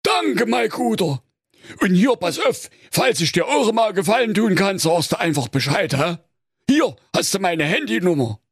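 A man voicing a stressed, foul-mouthed middle-aged huntsman who gripes loudly and hoarsely about orders from above. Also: high voice, big pitch swings, normal speed, dry recording, studio quality, voice pushed up, exaggerated voice. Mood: grateful. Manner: loud, griping, cursing, husky.

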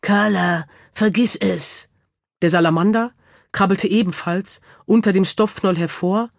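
A woman narrating a children's audiobook with lively, expressive storytelling. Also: mid-range voice, dry recording, studio quality.

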